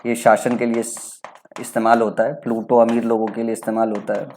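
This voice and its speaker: Amid slight background noise, a young man from Bihar, India, speaks briskly at medium pitch, with a darkish tone and little pitch movement, in a Bihari Hindi accent. His exam prep lecture covers English vocabulary: he explains terms, repeats them, and often answers his own questions.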